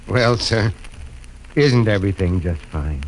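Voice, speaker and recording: A man's voice: fairly low pitch, low-quality recording. An actor playing a proud, genial old father with folksy phrasing, in an old-time radio drama style. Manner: folksy, chuckling, drawn-out phrases. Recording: vintage radio recording, faint noise.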